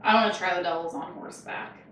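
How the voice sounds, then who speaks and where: A woman's voice: fairly low pitch, fairly even intonation, fast talker, a bit bright, distant mic, a little hiss or hum. A woman guest at a home kitchen table tosses off brief, teasing remarks as she tastes the dishes. Her voice carries across a very echoey room from well away from the mic. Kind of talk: casual chat.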